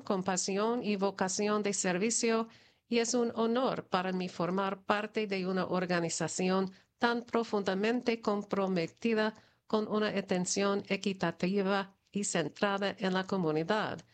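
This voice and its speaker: A woman reads community news at an unhurried, deliberate pace. Her delivery is steady and measured, each item read out plainly as prepared copy. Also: mid-range voice. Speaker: news reader.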